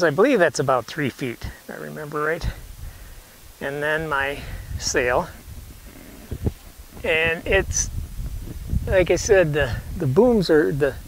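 A man's voice: fairly high pitch, slight background noise, rough recording. Folksy older man explaining outdoors. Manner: rambling, self-correcting, folksy. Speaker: canoe builder showing his rig. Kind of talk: casual how-to demonstration. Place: outdoors on a lawn. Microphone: camera mic, sometimes far from camera.

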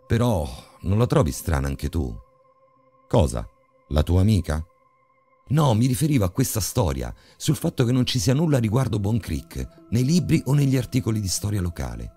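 A man's voice: rumbling low, sing-song, measured pace, dark tone, faint music behind, full character voice. A man voicing a curious teenage boy in a horror audiobook, speaking with fervent insistence. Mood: eager. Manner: fervent, pressing.

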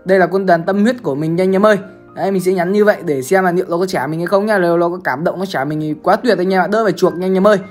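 Woman rattling off gaming chatter to her viewers super fast, faint music underneath. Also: on the low side, darkish tone. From Bắc Giang, Vietnam. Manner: chatty, keeps calling out to the audience. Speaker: gaming streamer. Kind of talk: casual gaming commentary to viewers.

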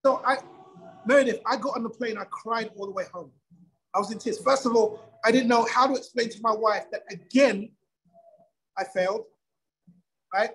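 Middle-aged guy, husky voice, telling a story in a chat, acts out the dialogue. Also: very high voice, moderate pace, long pauses, fairly bright tone, rough recording. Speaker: guest. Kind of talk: casual interview storytelling.

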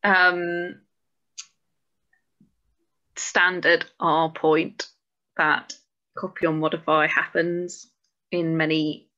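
A woman's voice: sits low, sharp tone, muffled recording. A woman presenting a chapter to a book club over a video call, thinking aloud and making self-deprecating asides as she works through code. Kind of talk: casual live-coding walkthrough.

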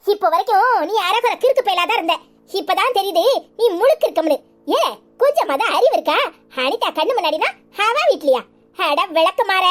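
A woman playing a sharp-tongued older village sister, scolding and mocking in a Kanyakumari Tamil accent. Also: very high voice. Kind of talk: village comedy serial acting.

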